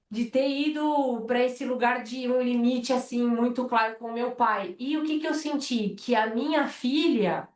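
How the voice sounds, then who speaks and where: Distant echoey woman telling a story. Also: sits high. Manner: animated, acts out quoted dialogue. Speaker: podcast guest asking a question. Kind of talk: conversational storytelling.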